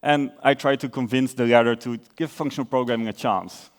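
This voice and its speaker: Speaking at a conference, a young man from the Netherlands with a Dutch accent explains his material casually, dropping in "uhs" and correcting himself along the way. His voice is medium-pitched and fairly quick.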